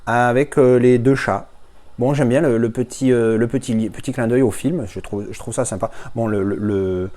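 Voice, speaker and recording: A man's voice: mid-range voice, fairly even intonation, moderate pace, mellow. A man giving casual unboxing commentary, chatty and hesitant, with many fillers and restarts. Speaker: video host unboxing a film edition.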